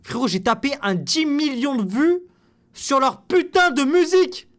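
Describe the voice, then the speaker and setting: Young man, reaction commentary, lively swinging voice, jokey and crude. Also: very high-pitched, measured pace. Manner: animated, joking, swears freely. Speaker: content creator reacting to a video.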